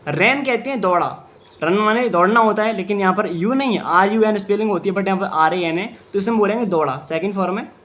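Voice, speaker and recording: Male tutor, fairly high voice, Hindi-medium English lesson, slow word-by-word reading. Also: fairly bright tone. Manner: translates word by word, answers his own questions with "ok sir"; reads English sentences very slowly and deliberately. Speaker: English teacher.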